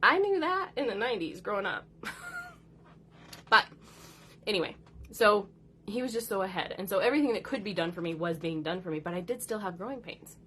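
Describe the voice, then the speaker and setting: A woman's voice: medium pitch, very animated, brisk, long pauses, bright, forceful tone, a little hiss or hum. A woman in her thirties, a mother, talking casually and at length about her kids, often acting out what they said. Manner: rambling and chatty, acts out her kids' lines. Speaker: mother of four, content creator. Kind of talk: casual chat.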